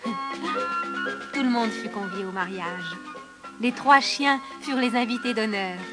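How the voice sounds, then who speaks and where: High-voiced woman telling a fairy tale. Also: slow pace, over loud music. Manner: expressive, hushed then rising for drama. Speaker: storyteller. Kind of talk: storybook narration.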